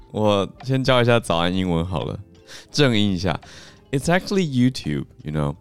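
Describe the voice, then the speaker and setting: Co-hosting a morning news podcast, a man with a Taiwanese Mandarin accent chats casually and playfully, often laughing as he corrects English stress. His fairly low voice swoops wildly in pitch at normal speed, with a clear, resonant tone and faint music behind.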